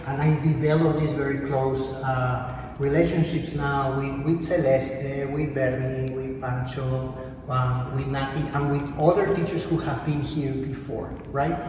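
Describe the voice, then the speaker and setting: A middle-aged man from Mexico, a professor and program director, answering interview questions in a measured, reflective way, often searching for words. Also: medium pitch, fairly even intonation, darkish tone. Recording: echoey hall, distant mic, background noise.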